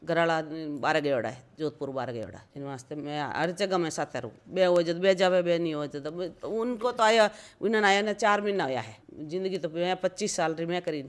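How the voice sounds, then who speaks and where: A woman in her fifties with a Marwari accent and a smooth, resonant voice. She tells personal stories in an interview, plain-spoken and often repeating phrases for emphasis. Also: lowish voice, a little fast, hardly any pauses. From rural Rajasthan, India. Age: 50s. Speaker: interview guest.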